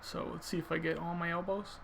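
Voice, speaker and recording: A man commentates casually over gameplay in a somewhat high, narrow-ranged voice with a creaky edge. He explains technique informally, thinking aloud as he goes, with some noise behind him. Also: little pitch movement, a little fast, a bit bright. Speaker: video game player commentator.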